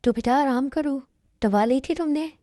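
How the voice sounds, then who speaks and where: A woman's voice: sits high, moderate pace, dark tone, no echo, clean studio sound, voice pushed up, lightly acted. A woman voicing a caring, fussing middle-aged mother in a fan dub.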